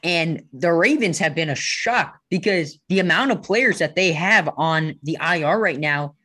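A man's voice: fairly high pitch, animated, unhurried, bright, forceful tone. A man co-hosting a casual sports podcast, joking around, making puns and teasing his co-host. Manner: playful, jokey, punning, teasing.

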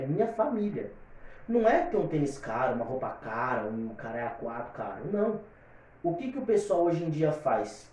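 Podcast guest: man, rambling and opinionated, dark tone, heard from a distance in a roomy space. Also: on the high side. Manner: opinionated, rambling, repeats fillers. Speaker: guest singer. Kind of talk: casual podcast chat. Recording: very echoey room, distant mic.

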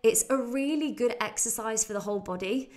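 A fitness instructor talking from under a table on the floor while holding a plank, chatty and self-mocking. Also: female voice, on the high side, brisk, a little mellow. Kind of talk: live online exercise class.

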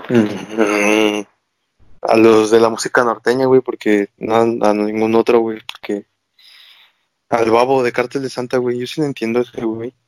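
A man's voice: medium pitch, no room sound. A young man from Mexico City chatting in a laid-back way with crude slang as a podcast co-host. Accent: Mexico City Spanish. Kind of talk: casual chat.

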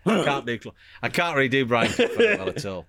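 An animated British man talking casually, with a bright, forward tone and a pitch that swoops up and down. He tells stories jokingly and slips into put-on voices. The sound is close and dry, with no room around him. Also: fast, creaky, no echo. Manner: animated, jokey, puts on voices mid-story. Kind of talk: casual chat.

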